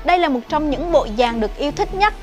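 A woman's voice: high voice, expressive, quick pace, soft background music. A woman presenting a product review for a shop in a friendly, chatty sales manner. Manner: chatty, friendly sales talk with frequent "nè" and "nha".

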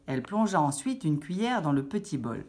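A woman reading a children's fairy tale aloud with expressive storytelling. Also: sits low, fairly quick.

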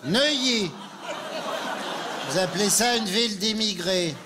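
A male comedian playing a flamboyant female presidential candidate in a live stage debate sketch, shrill, indignant and camp. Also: slow pace, crowd noise, background noise. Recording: live theatre with audience laughter.

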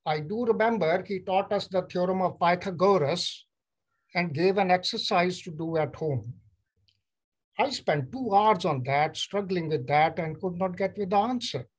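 An older Punjabi-speaking man from Punjab, a neurologist guest, recounts his life story in Indian English during an interview over a video call from a room at home. His voice is high, his delivery measured and storytelling, and he acts out quoted exchanges.

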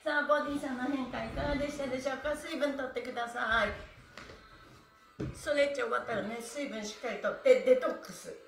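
A middle-aged Japanese woman cheerfully chants counts and instructions while leading a live-streamed stretching class. Her voice is high, creaky, fast and fairly even in intonation, picked up by a phone camera a few meters away in a small, echoey indoor room with soft background music.

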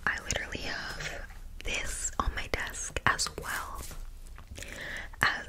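A woman's voice: slow pace, poor audio. A young woman whispering breathily in a rambling ASMR style very close to a condenser mic, often repeating words. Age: young adult. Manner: repeats words in trailing strings. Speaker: ASMR video creator. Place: small bedroom indoors. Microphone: large desktop condenser mic, very close.

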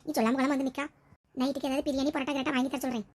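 A high-pitched woman rattles through a family comedy skit at a breakneck pace. She bickers and teases in quick village banter. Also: little pitch movement. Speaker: comedy sketch performer. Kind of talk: family comedy skit, playing several relatives.

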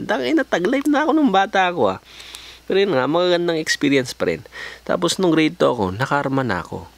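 A young Filipino vlogger tells his life story over drawings, crude and joking, swearing a lot and slipping into English slang. His voice is lowish and creaky.

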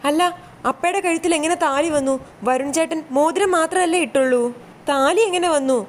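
A woman's voice: very high-pitched, normal speed, slight background noise, pitched above the performer's own voice. A woman voicing an earnest young man who presses his mother with anxious questions, in a raised voice. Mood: pleading. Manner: pleading, insistent questioning.

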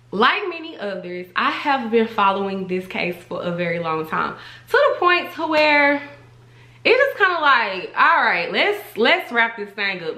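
A woman's voice: medium pitch, pushed and bright, reverberant. A young woman, giving her opinion in a chatty, emphatic vlog and repeating herself for stress. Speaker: vlogger.

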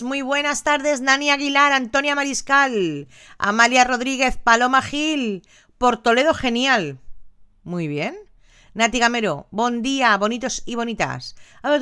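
A woman's voice: a little high, pushed and bright, clear, resonant tone, no room sound, clean studio sound. An older woman from Valencia in Spain, hosting a live stream in a chatty, affectionate way and greeting viewers by name. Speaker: live stream host reading viewer comments. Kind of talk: casual live chat.

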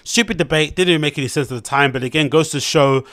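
A man's voice: on the high side, quick pace, a bit bright, dry recording, studio quality. A young man with a London accent, hosting his podcast and giving blunt, rambling commentary on a news article, with lots of fillers and restarts. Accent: London English. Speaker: podcast host.

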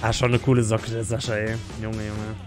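A man's voice: fairly low pitch, level tone, a little fast. A man in his thirties commenting casually on a video as a reaction host, slangy and offhand. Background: faint music from the watched show.

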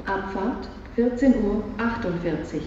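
A woman giving a flat, formal automated platform announcement over a station loudspeaker, in pieced-together phrases. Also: mid-range voice, a little slow, a little hiss or hum. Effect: public-address loudspeaker. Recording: muffled, echoey station loudspeaker from far off.

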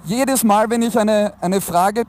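A man's voice: high-pitched, slow pace. An Austrian man chatting casually and in slang to viewers from inside a motorcycle helmet while riding. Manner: colloquial, slangy. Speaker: motorcycle vlogger. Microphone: helmet-mounted mic. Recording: enclosed helmet sound, road noise. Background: motorcycle and traffic noise.

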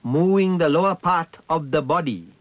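A man narrating a ritual in a measured, descriptive way. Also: fairly high pitch, dry recording, muffled recording.

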